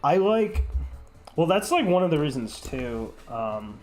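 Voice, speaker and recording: A man's voice: on the high side, big pitch swings, unhurried, soft background music. A young man who is sick, rambling through casual stream chat with lots of filler words and swearing. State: sick, congested.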